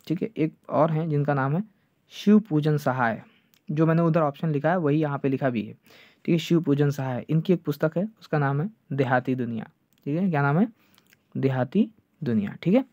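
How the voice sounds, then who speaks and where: A man's voice: mid-range voice, dark tone, no room sound. Man teaching a lesson in a dull, dry recording. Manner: repeats "ठीक है" and "clear है" often, drills names slowly. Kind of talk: online exam-prep lecture.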